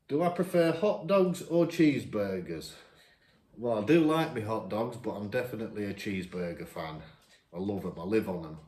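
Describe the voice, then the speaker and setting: A man in his fifties with a northern English accent, chatting casually as he answers viewer questions, each read out brighter. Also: lowish voice, roomy sound. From England. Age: 50s. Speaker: vlogger. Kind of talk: casual Q&A chat.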